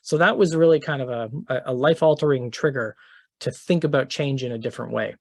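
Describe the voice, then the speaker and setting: A man's voice: mid-range voice, a little fast, vocal fry, no room sound, studio quality. A middle-aged man giving a conference keynote, telling a story in a casual, conversational way with many fillers and restarts. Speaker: keynote speaker. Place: conference venue.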